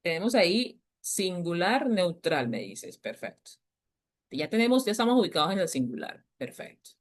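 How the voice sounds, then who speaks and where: A woman teacher explaining grammar to a class, patiently repeating key points and slowing down to stress them. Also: on the low side, sing-song. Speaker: English teacher.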